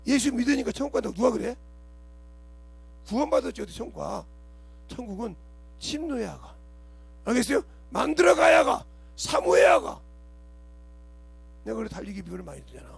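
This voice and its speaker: A male pastor preaches a fiery sermon in a church. He scolds his listeners with rhetorical questions and bursts into shouts. His voice sits high and swings widely, with a heavy gravelly, raspy edge. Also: animated, fairly quick, pauses often. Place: church sanctuary.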